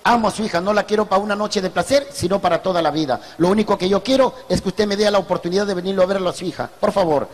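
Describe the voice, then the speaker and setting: A man's voice: high-pitched, very fast, hardly any pauses, big-room sound, pitched below the performer's own voice. A man with a Peruvian accent voicing a nervous young male suitor who speaks overly formally and pleads. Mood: pleading. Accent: Peruvian Spanish.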